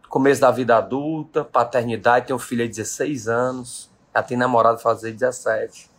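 A man in his late thirties from Brazil, a business owner giving an emphatic motivational talk to his live-stream audience, repeating his key questions. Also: mid-range voice. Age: 30s.

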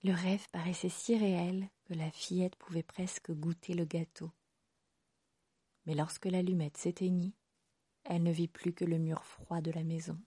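Mellow, husky woman reading a fairy tale. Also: on the low side, moderate pace, few pauses, no room sound, clean studio sound. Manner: expressive storybook narration. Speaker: storyteller. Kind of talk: fairy tale read aloud.

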